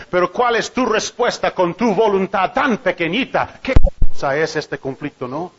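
A man preaching a sermon in an animated way, firing off rhetorical questions and chuckling between points. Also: sits high. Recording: dull lo-fi recording.

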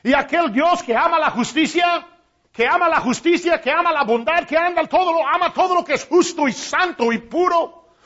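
A man preaching a sermon with passion, rising to loud cries and dropping to hushed tones. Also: very high voice, moderate pace. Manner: impassioned preaching, swinging from loud cries to hushed near-whispers. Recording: dull lo-fi recording.

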